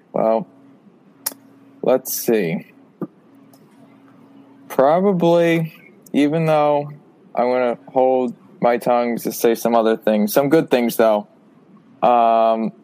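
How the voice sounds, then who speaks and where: A man with a mid-range voice co-hosts a sports podcast. He speaks in halting bursts, restarts his sentences and jokes along the way. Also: mid-range voice, a little mellow, low-quality recording. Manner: hesitant, joking, halting. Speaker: podcast co-host. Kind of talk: casual sports talk.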